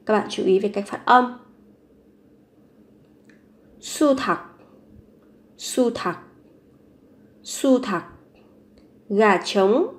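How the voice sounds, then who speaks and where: A woman's voice: mid-range voice, extremely slow, pauses often. A woman teaching a vocabulary lesson, saying each word three times and then explaining it patiently. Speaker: language teacher. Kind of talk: vocabulary lesson, repeating words slowly.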